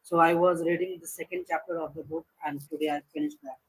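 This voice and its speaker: A man practicing English on a video call, carefully explaining grammar step by step with hesitant pauses. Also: a little high, little pitch movement, slightly rough, poor audio. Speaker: English learner. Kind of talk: conversational English practice session.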